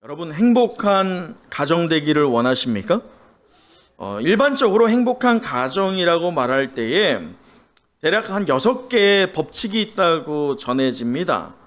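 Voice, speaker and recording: Lively high-voiced male pastor preaching. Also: moderate pace. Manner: asks the congregation questions and has them repeat phrases; animated storytelling delivery. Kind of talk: sermon.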